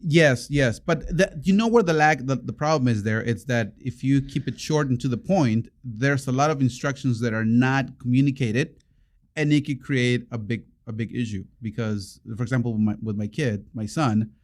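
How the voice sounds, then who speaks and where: A man with a non-native English accent, co-hosting a casual podcast chat as a parent, joking and animated with frequent restarts. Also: medium pitch, normal speed. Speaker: podcast co-host.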